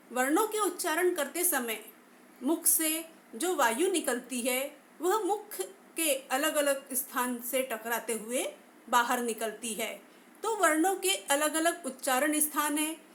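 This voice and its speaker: A woman teaching a careful lesson, sounding out each letter slowly and inviting listeners to try it themselves. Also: sits high, fairly bright tone, slight background noise. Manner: addresses listeners directly, inviting them to try. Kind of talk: slow, careful phonetics lesson.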